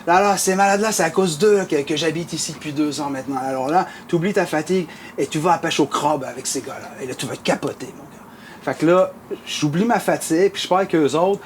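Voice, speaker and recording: A man with a Québécois French accent tells a story in relaxed conversation. His voice sits high, and he rambles with plenty of fillers and restarts. A faint ambient hum runs underneath. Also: quick pace. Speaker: musician telling a story. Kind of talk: casual storytelling chat.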